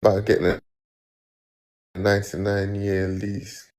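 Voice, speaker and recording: Stumbling low-voiced man. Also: completely flat delivery, a little mellow. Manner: rushed, stumbling. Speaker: caller. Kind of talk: live-stream debate.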